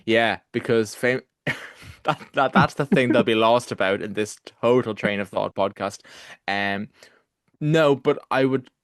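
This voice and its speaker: A man co-hosting a film podcast, arguing his take in animated casual chat full of restarts and fillers. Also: medium pitch, measured pace, dry recording, studio quality. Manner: animated, argumentative, lots of restarts and "like". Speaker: podcast co-host.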